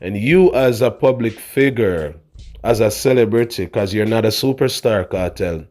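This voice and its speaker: A man's voice: on the low side, expressive, moderate pace, a little mellow. A middle-aged man, giving a casual, opinionated rant in street slang, emphatic and repeating his points. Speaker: online commentator.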